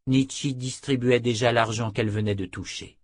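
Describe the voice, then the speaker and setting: Husky-voiced man narrating a novel. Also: medium pitch, dry recording, clean studio sound. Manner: steady, measured storytelling. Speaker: audiobook reader. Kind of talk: scripted narration.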